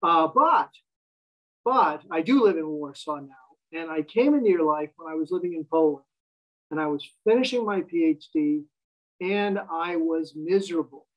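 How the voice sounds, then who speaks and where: An American man in his fifties, a guest in a casual interview, talks as a wry, self-deprecating storyteller. His voice sits on the high side and is expressive, moving at a normal speed, though the audio sounds dull.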